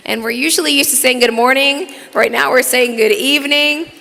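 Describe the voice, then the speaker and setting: A woman's voice: high-pitched, fairly even intonation, moderate pace, vocal fry, bright, forceful tone. A woman who co-anchors TV news, emceeing a live gala in a large banquet hall in a chatty, bantering way that turns solemn.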